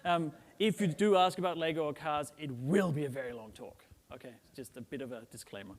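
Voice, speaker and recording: Speaking a little high and a little quickly, a middle-aged man from Denmark gives a casual, humorous conference talk before a live crowd. The big hall echoes around him as he chats, jokes, says "um" often, and keeps tagging "right?" onto what he says.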